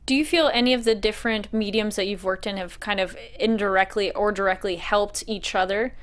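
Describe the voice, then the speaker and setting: A woman with a medium-pitched voice, speaking a little fast, hosts an interview. She asks questions in a friendly, chatty way, laughs often and supports her guest with small agreements and mm-hmms.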